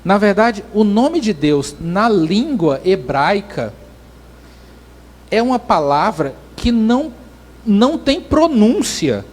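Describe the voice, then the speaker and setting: A man's voice: sits high, sing-song, slow, darkish tone. A man pastor, preaching a sermon in an explanatory way and often restarting his phrases.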